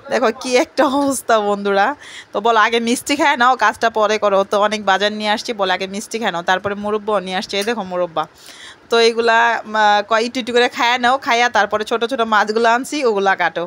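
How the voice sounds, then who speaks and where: A Bangladeshi woman casually chats to her viewers as if they were friends while sorting groceries at home. Her mid-range voice is fast and a bit bright. It is casual home vlog narration.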